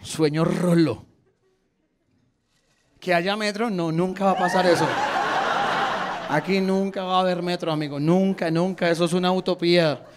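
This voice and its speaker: A man in his thirties with a Bogotá Colombian accent doing an animated stand-up routine in a comedy bar, jumping into high voices for characters. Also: moderate pace, long pauses, noisy background. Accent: Bogotá Colombian Spanish. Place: comedy bar stage with live audience. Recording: live crowd laughter behind.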